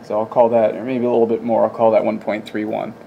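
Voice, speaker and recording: Talking at a quick pace with a level tone and vocal fry, this fairly low-pitched man presents an electronics demo from an indoor workbench. His hands-on technical explanation is informal, unscripted, hesitant and methodical. Picked up by a camera mic behind the camera, the audio sounds narrow and tinny with slight background noise.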